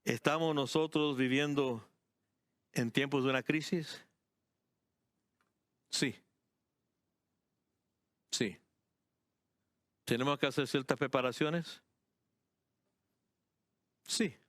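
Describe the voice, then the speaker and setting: A man preaching a sermon as pastor, emphatic, repeating key phrases and moving between slow, deliberate words and quick bursts. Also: mid-range voice, fairly bright tone, no echo, clean studio sound.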